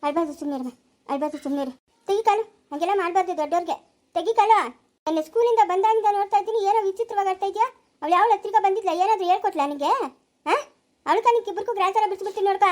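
A woman playing a high-voiced, fast-scolding village woman. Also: a little mellow. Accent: Kannada, Chikkaballapur rural. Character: worried young village woman scolding a girl. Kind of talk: village comedy skit.

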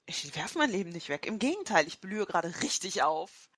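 A woman's voice: lowish voice, very animated, a little fast, a bit bright. Woman doing a scary young runner girl, cold threats, half-whispered. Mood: menacing. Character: menacing young female shadowrunner interrogator.

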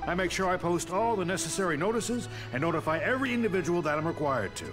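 Voicing a nervous warehouse clerk for a video game, a male actor sounds flustered, anxious and over-eager. His high voice moves quickly with lively intonation while music runs behind him.

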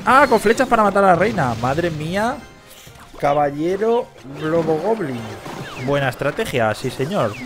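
Excitable young man cheering on gameplay. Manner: cheers and shouts at the screen, swings from loud excitement to low mutters. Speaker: gaming youtuber. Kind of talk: excited game commentary. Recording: game music playing behind the voice.

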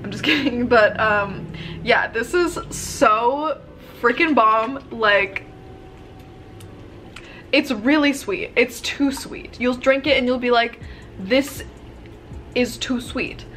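A woman's voice: fairly high pitch, slow pace, pauses often, fairly bright tone, faint music behind. Chatty young woman gushing in a bedroom. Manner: bubbly, chatty, gushing, frequent "like" and "um". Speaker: vlogger. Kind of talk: casual haul video.

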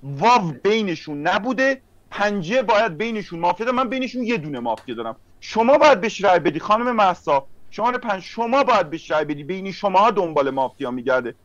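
A man's voice: high voice, very animated, fairly bright tone. A man recapping an online mafia game as a player, challenging and reproaching the others. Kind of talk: casual argumentative game recap. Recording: dry lo-fi online call audio.

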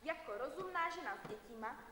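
A woman's voice: sits high, lively intonation. A young woman acting a stubborn, desperate village girl pushed toward marriage, pleading and declaiming on stage. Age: young adult. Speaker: stage actor. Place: theatre stage. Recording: echoey theatre hall, distant mic, faint noise.

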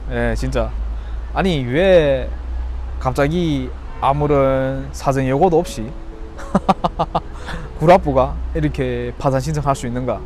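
A man's voice: medium pitch, darkish tone. A man from Yanbian with a Chinese Korean accent giving an earnest, critical, unscripted opinion commentary as a YouTuber, often posing rhetorical questions. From Yanbian, China. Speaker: YouTuber and football fan commentator.

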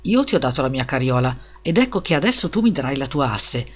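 A man's voice: mid-range voice, big pitch swings, fast talker, slightly rough. A man reading a storybook and voicing a greedy, self-serving miller who wheedles and preaches about friendship. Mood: predicatorio. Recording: slightly dull lo-fi recording.

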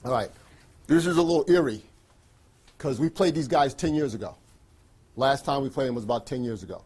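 A man's voice: medium pitch, darkish tone, slightly rough. A middle-aged man speaking as a basketball coach in a pregame team talk, giving emphatic, clipped instructions and often checking in with "right?". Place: small carpeted locker room, indoors.

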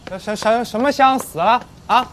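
A man's voice: extremely high pitch, moderate pace, a bit bright, a little hiss or hum. An actor playing a boastful, easily flustered young man in a TV drama. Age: young adult. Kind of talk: TV drama acting. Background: music.

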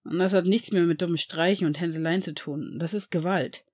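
A reader voicing a calm aristocratic man who speaks in a reassuring way. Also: mid-range voice, fairly quick, lightly acted. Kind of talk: audiobook fan reading.

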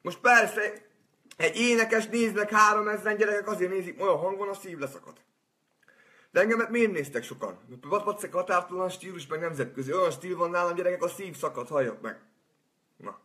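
A man on a live stream, boisterous and swearing, who turns soft and sentimental in his farewells. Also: sits high. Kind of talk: rambling live-stream monologue.

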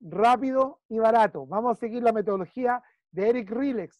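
A man's voice: extremely high pitch, fairly quick, darkish tone, dry recording, clean studio sound. A man with a Chilean accent coaching a client one-on-one, emphatic and repeating key phrases while he checks in. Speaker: business consultant.

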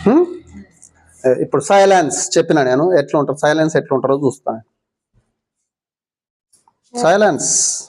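A woman's voice: low voice, fast, a little mellow. A woman with a Telangana Telugu accent teaching young schoolchildren in a classroom, coaxing them with many short questions. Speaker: visiting mindfulness teacher.

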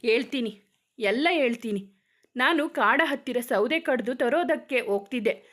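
A woman's voice: fairly high pitch, expressive, normal speed, a bit bright. A woman voicing a naive young village woman making a pleading, tearful confession. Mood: confessing.

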